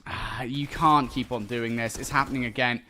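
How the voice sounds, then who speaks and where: A man commentating live on an esports match, excitable and given to exclaiming at big plays. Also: mid-range voice, moderate pace, a little hiss or hum. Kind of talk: live esports play-by-play and analysis.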